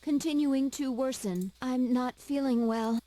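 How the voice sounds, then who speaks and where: A woman's voice: high-pitched, measured pace, mellow, dry recording. A woman voicing a formal female android battle robot that glitches, shuts down and reboots, speaking in clipped combat calls. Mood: faltering. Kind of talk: voice lines played from a game.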